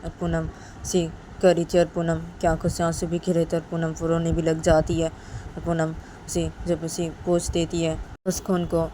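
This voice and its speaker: A woman's voice: sits low, monotone, moderate pace, mellow, a little hiss or hum. A woman narrating a serial love story in a casual, rambling way, repeating the characters' names constantly.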